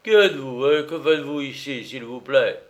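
Man doing a blustering gendarme, loud, pompous, bullying, storybook reading. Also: medium pitch, moderate pace, natural voice.

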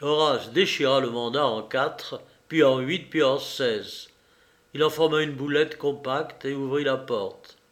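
A man narrating a novel as an audiobook in a measured, deliberate storytelling manner. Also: mid-range voice, fairly bright tone.

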